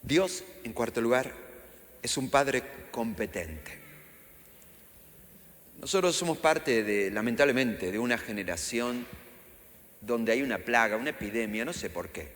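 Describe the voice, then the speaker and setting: A man's voice: medium pitch, lively intonation, a little slow, long pauses, a bit bright, slight background noise. A middle-aged man with a Rioplatense Spanish accent preaching a sermon in a church, acting out quotes with sudden raised voices. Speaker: pastor. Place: church hall. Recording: echoey church hall, faint ambience.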